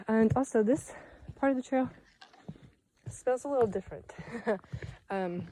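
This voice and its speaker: Walking along a forest trail, a young woman vlogs in a mellow, mid-range voice. Her casual hiking chat rambles, sprinkled with jokes at her own expense.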